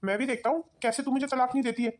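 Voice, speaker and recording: A woman's voice: high voice, steady tone, very fast, natural voice. A woman voicing a stern young husband who sides with his mother in a cartoon. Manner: harsh, commanding. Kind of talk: cartoon voice acting.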